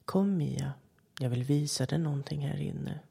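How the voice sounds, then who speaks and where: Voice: mid-range voice, gravelly, dark tone, husky. A narrator in a whispered role-play, voicing a lurking creature that coaxes a child with a borrowed boy's voice. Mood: coaxing. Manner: coaxing whisper. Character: lurking creature mimicking a boy's voice, sly and luring.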